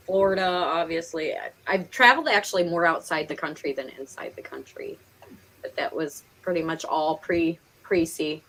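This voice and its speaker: On a rough recording with slight background noise, a woman chats casually while hosting a live stream, giggly and talkative. She has a Northeastern American accent, comes from Pennsylvania and New York in the United States, and her voice is on the low side with a fairly bright tone.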